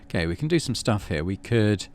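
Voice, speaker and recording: A middle-aged gaming channel host plays through a game, chatting casually and reading its narration aloud. His lowish, darkish voice moves through big pitch swings at a slightly fast clip.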